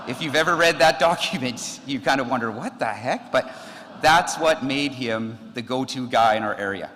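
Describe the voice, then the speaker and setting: A man's voice: medium pitch, fairly bright tone. Man telling stories at a memorial. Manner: conversational storytelling, frequent ums and laughs. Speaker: firefighter giving a eulogy. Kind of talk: memorial tribute with anecdotes. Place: memorial service in a hall. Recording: long reverb of a large hall.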